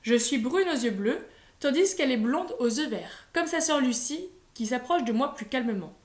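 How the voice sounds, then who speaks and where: A woman reading a children's story aloud in a lively, expressive way. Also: high-pitched, moderate pace. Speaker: audiobook reader. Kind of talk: scripted storybook narration. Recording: roomy echo.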